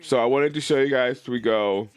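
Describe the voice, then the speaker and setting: A man's voice: medium pitch, brisk, clear, resonant tone. A man in a casual live-stream chat, rambling and stammering with a lot of emotion.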